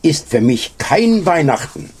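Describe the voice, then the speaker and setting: A man voicing a vain storybook peacock who insists on being admired. The voice is raised high and husky, with a lively, fussing lilt. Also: measured pace, heavily acted. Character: vain peacock fussing over his new dress.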